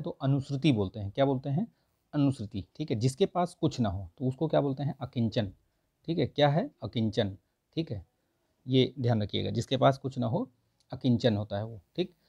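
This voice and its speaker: A man's voice: medium pitch, creaky, warm tone, slightly rough. A man teaching a grammar exam-prep lesson, repeating each answer and checking in often with his students.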